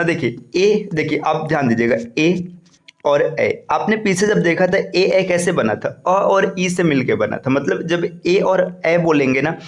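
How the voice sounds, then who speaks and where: Teacher type, young man, fairly high voice, patient and repetitive online lecture delivery. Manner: explains slowly and repeats, with frequent "है ना". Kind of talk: online exam-prep lecture.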